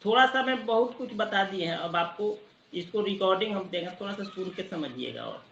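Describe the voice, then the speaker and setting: A high, bright male voice lectures to a study group, spelling out technical terms slowly as he explains. He is recording near a busy market, so the sound is echoey and a little dull, with faint noise behind him. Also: lively intonation, vocal fry. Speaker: teacher.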